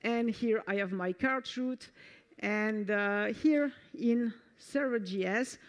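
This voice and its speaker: On a conference stage before an audience, a French woman with a medium-pitched voice gives a technical talk, guiding listeners through a live code demo. She is enthusiastic, frequently restarting sentences and filling gaps with "uh."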